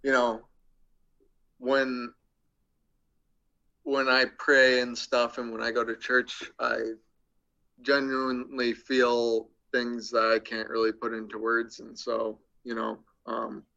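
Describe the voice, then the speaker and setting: Slow, bright-voiced deadpan young man. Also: medium pitch, gravelly, dull audio. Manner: deadpan, crude jokes, hesitant with many ums. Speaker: podcast guest. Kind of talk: casual interview chat.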